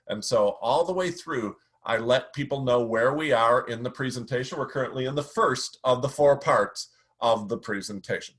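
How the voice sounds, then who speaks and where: Middle-aged guy coaching on presentations, bright forceful voice, measured and emphatic. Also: mid-range voice. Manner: measured, emphatic teaching delivery. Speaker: speaking coach. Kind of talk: instructional talk.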